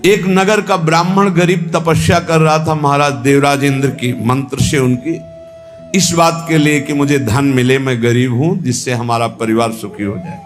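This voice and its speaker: A man's voice: medium pitch, normal speed, soft background music. A man giving a devotional discourse, telling an old legend and voicing the characters' lines himself. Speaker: spiritual teacher.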